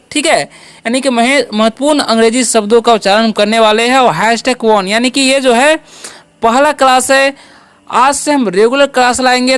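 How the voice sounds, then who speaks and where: Clear-voiced woman teaching English. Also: a little high, dry recording. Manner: asks and answers own questions, repeating "ठीक है"; slow, careful spelling-out of words. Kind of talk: spoken English lesson.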